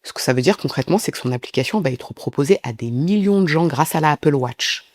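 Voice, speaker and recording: A man's voice: fairly high pitch, expressive, quick pace, no room sound, studio quality. A man telling a true-crime story in a casual, chatty way, breaking off for asides to his viewers.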